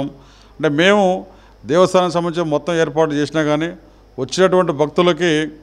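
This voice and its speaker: Fielding a reporter's questions, a middle-aged temple trust chairman speaks in a formal, deliberate manner, pausing between halting phrases. His voice is smooth and on the high side.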